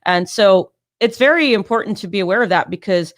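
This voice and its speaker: Upbeat woman explaining clearly. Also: mid-range voice, brisk, no room sound, studio quality. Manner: upbeat, explanatory, many "mm-hmm"s. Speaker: co-host, insurance agent. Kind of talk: casual chat.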